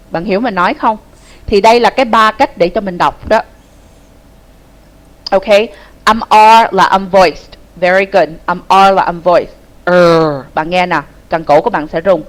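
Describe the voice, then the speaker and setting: A young woman teaches pronunciation. Her pitch sits in the middle range. She speaks patiently, repeats each rule and keeps asking "okay?" to check that everyone is following. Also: poor audio. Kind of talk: online classroom explanation.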